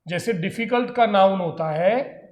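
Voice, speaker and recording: A man with an Indian accent teaching English grammar in a classroom lecture, explaining in Hindi and reading English examples slowly. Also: high-pitched, darkish tone, reverberant.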